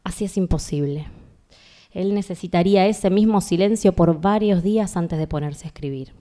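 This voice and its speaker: Low, mellow woman reading fiction aloud. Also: moderate pace. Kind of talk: reading a literary fragment aloud.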